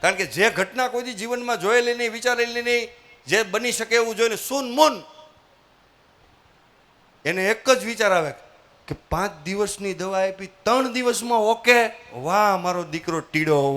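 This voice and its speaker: A man's voice: sits high, lively intonation, moderate pace, pushed and bright. A man telling a folksy story at a live motivational talk, acting out characters and prompting the audience to answer. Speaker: motivational speaker.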